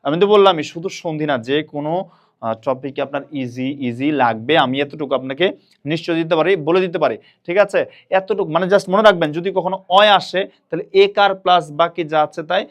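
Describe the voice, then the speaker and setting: Man teaching a grammar class, repeating words. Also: fairly high pitch. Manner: repeats words aloud slowly for students to echo. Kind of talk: online admission-prep grammar lesson.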